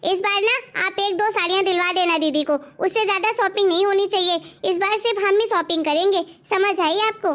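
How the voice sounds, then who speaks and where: Brief: woman doing a demanding daughter-in-law, high voice, bossy and defiant. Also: brisk, few pauses, fairly bright tone. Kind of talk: family drama acting.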